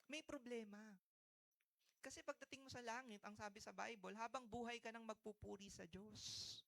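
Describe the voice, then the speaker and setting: A man's voice: very high voice, steady tone, normal speed, creaky, fairly bright tone. A man in his thirties with a Filipino accent, preaching a sermon to a church congregation. He mixes Tagalog with English and keeps calling on the congregation to answer back. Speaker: pastor. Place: church sanctuary.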